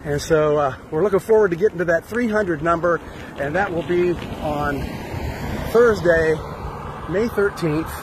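A man's voice: a little high, measured pace. An older man chatting upbeat with many fillers, recording himself outdoors on a bike ride with a handheld phone. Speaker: musician vlogger. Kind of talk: casual vlog update. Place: outdoors on a sunny street, riding a bike. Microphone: phone camera held close. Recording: faint wind noise outdoors.

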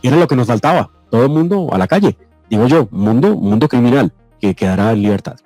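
A man delivering firm, argumentative radio commentary in a mellow, dark tone. His voice sounds dry and close to a studio mic, with faint music underneath. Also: medium pitch, lively intonation, quick pace, dry recording.

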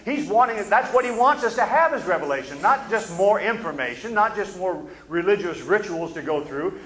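An older man preaching a fervent sermon from a church pulpit, often sinking to low, intense tones between amens. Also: animated, brisk, fairly bright tone. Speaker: pastor. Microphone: pulpit mic. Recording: echoey sanctuary.

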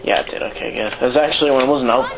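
A man's voice: medium pitch, rapid-fire, gravelly, fairly bright tone, a little hiss or hum, rough recording. Rambling, cussing man doing game commentary. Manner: rambling, swears casually. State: sore throat. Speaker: let's play commentator. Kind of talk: casual gameplay commentary.

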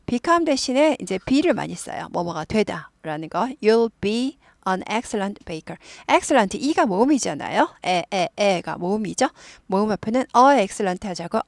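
A woman teaching English, reading the dialogue lines slowly and explaining them in Korean. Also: medium pitch, creaky, no room sound, studio quality.

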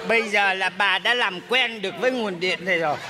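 A man's voice: high voice, fairly quick, crowd noise, lightly acted. A man playing a scolding exorcist master. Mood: bossy. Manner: scolding, theatrical. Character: bumbling middle-aged male exorcist master. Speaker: spirit medium in a stage comedy sketch. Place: theater stage. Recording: stage sound with hall reverb and hiss.

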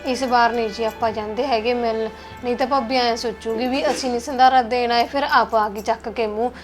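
A young woman with an Indian Punjabi accent acts in a village web drama as a young wife grieving that her mother is gone. She speaks plaintively and complainingly in a fairly high, fairly even voice, fairly quick and close to everyday speech. Background music plays under the dialogue.

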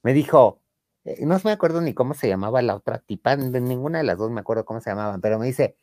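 A man with a Mexican accent telling a comic anecdote in a campy, theatrical way, acting out the women he quotes in a higher voice and laughing often. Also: expressive, quick pace, a little mellow, no echo, clean studio sound. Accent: Mexican Spanish. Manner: laughs often mid-story. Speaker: storyteller on a chat show.

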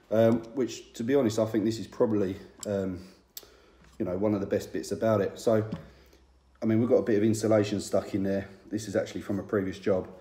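A man's voice: fairly low pitch, warm tone, reverberant. A man in his thirties, a tradesman, giving a casual, plain-spoken review to camera with many ums, recorded on a phone in a small indoor room.

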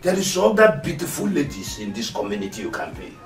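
Man acting as a scolding Nigerian friend, Nigerian accent, lively pitch, roomy echo. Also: quick pace, soft background music, lightly acted. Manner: dismissive, scolding. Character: blunt practical village friend. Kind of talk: Nollywood film acting. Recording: echoey room, distant from mic.

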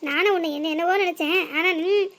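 A woman's voice: very high voice, steady tone, fast talker, a bit bright. A woman voicing a bossy, nosy elderly mother-in-law in a cartoon, with a scolding, teasing manner. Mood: gossipy. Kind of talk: animated cartoon voice acting.

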